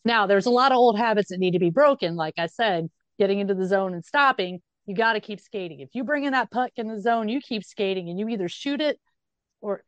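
A woman co-hosting a casual sports podcast, lively and excited, often laughing and talking over the others. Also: medium pitch, fast, hardly any pauses, no room sound, muffled recording.

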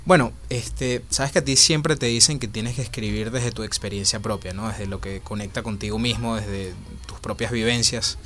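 Low-voiced Venezuelan young man. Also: moderate pace, hardly any pauses, a bit bright, slight background noise. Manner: thoughtful, many fillers and restarts. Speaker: filmmaker and actor. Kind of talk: interview answers.

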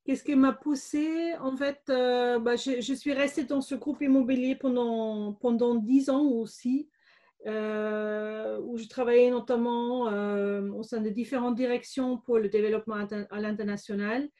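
A woman's voice: a little high, fairly even intonation, measured pace, dark tone. A woman in her forties with a German accent, a guest speaking hesitantly with many fillers in an interview. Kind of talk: interview testimony.

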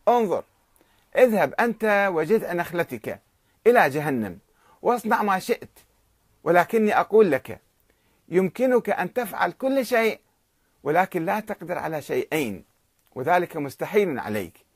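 A man voicing an indignant elderly male cleric who shouts back emphatically in a retold story. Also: sits high, very animated, normal speed, pauses often, breathy edge, no echo, clean studio sound, full character voice. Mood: defiant.

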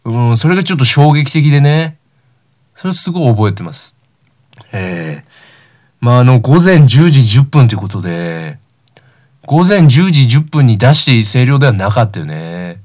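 A young man of about nineteen talks alone as host of a comedic talk show. He rambles through anecdotes and mocks himself, and his pitch swings widely up and down as he goes. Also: sing-song, normal speed, darkish tone. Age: young adult, about 19. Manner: rambling, self-deprecating comic storytelling.

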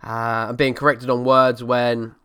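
A man's voice: medium pitch, little pitch movement, unhurried, pushed and bright, smooth, no echo, studio quality. A man with an Essex accent, hosting a podcast and casually chatting through listener questions, sometimes dropping letters from his words. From Essex, England. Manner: drops letters, over-pronounces some words. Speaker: podcast host.

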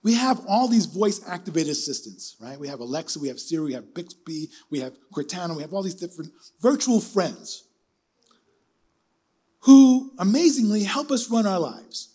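An older man preaching a sermon in an emphatic, animated manner, leading the listeners in call-and-response. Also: high-pitched, normal speed, slightly rough.

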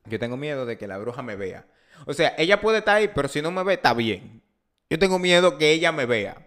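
A man with a Dominican accent and a somewhat high voice co-hosts a casual podcast. He tells stories in slangy speech, repeating himself and breaking off to restart his phrases. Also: sing-song, a little fast, a bit bright. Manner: slangy, repetitive, self-interrupting. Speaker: podcast co-host. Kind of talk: casual chat, animated anecdote telling.

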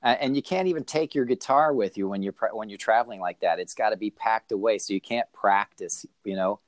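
A man's voice: lowish voice, brisk, no echo. A man hosting an interview, easygoing and affirming, asking long rambling questions. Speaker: interviewer host. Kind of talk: conversational interview.

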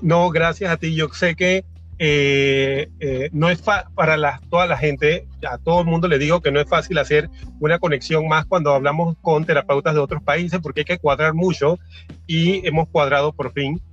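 A man hosting a podcast in a friendly, casual way, often pausing with fillers. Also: on the high side, steady tone, fairly bright tone, muffled recording, soft background music. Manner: friendly, with frequent fillers and restarts. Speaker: podcast host.

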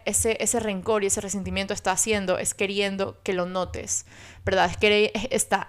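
A young woman, hosting a reflective personal podcast and talking in an intimate, soft-spoken way full of fillers. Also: mid-range voice, clear, resonant tone. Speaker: podcast host.

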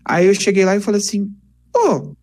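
A young man, casually telling lively stories on a podcast. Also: sits high, brisk. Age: 20s. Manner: animated, chatty, peppers speech with "cara". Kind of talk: casual storytelling chat.

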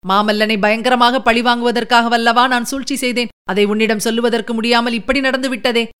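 A woman's voice: a little high, fairly even intonation, fairly quick, fairly bright tone, smooth, close to an everyday voice. A woman voicing a scheming older male Buddhist monk, sharply questioning in a storybook reading. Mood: grieving. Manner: questioning, then wailing in grief.

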